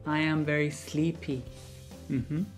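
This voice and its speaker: A man's voice: fairly high pitch, little pitch movement, slow pace, soft background music. A man teaching vocabulary, patiently repeating each word for practice. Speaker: English teacher. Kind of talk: bilingual vocabulary lesson.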